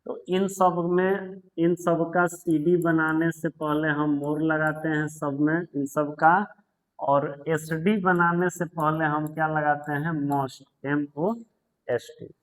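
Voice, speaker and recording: A man teaching English grammar in a patient lesson, repeating words, spelling them out and telling students to pause and take notes. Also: a little high, fairly even intonation, rough recording. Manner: tells students to pause the video and write notes. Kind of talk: slow explanatory grammar lesson.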